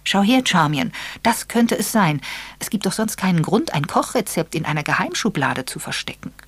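A woman voicing an eager, impatient young man who talks excitedly and brusquely. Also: fairly low pitch, brisk, slightly rough, no room sound, voice pushed up, full character voice.

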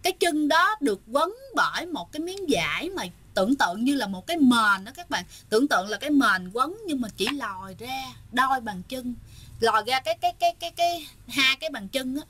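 A woman's voice: sits high, expressive, a little fast, pushed and bright, slight background noise. A woman casually telling a ghost story, often turning to address her listeners.

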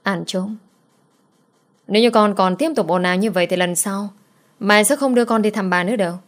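A woman voicing a grieving young mother who gently coaxes her daughter. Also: medium pitch, moderate pace, natural voice. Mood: coaxing.

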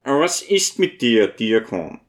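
A man voicing a gentle old priest who speaks in a mild, coaxing, earnest way. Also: medium pitch, big pitch swings, slow. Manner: soothing, earnest, coaxing questions.

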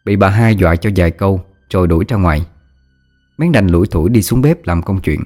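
Man, steady storytelling narration, lowish voice, soft music underneath. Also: brisk. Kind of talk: scripted ghost-story narration. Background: faint background music.

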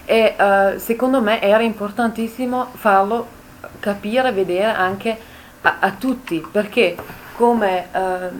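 Halting, modest woman. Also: medium pitch. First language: not a native Italian speaker. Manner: halting, self-correcting, modest. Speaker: book co-author speaking at a presentation. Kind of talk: informal public talk. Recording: faint ambient room noise.

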